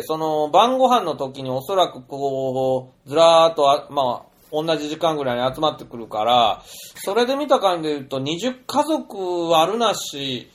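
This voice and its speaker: A middle-aged man telling an anecdote in a chatty, rambling monologue full of fillers. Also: on the high side. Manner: chatty storyteller, animated, many fillers. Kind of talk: casual monologue.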